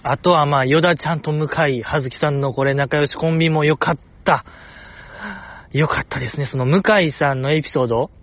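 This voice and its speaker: Speaking fairly quickly with a fairly high, steady voice, this solo podcast host chats casually and repeats himself to stress his points. He has a Kansai Japanese accent, and the audio is dull.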